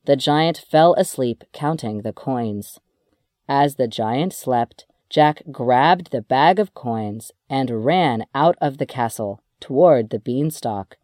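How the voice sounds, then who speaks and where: A children's storyteller reads unhurriedly, and the voice rises and falls widely. The sound is close and dry, with no echo around it. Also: mid-range voice. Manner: slow, expressive read-aloud.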